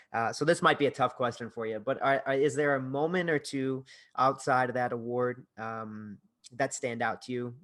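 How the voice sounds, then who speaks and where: A man hosting a podcast, asking a guest questions over a video call in a relaxed, slightly hesitant way. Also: mid-range voice. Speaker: podcast host.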